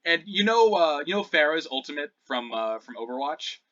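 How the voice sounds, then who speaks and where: A man's voice: fairly high pitch, expressive, moderate pace, a loud crowd. A man running a tabletop game as dungeon master, narrating vividly with sound effects. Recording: dull lo-fi sound.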